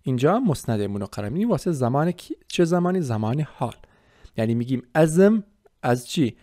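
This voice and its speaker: A male teacher takes his listeners through a grammar review at a steady, methodical pace, listing each form one by one. His voice is warm and mellow, with a middling pitch. It is recorded close and dry, with no room sound. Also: no echo. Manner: methodical, repeats and spells out word forms. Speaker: language teacher. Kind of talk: explanatory grammar lesson.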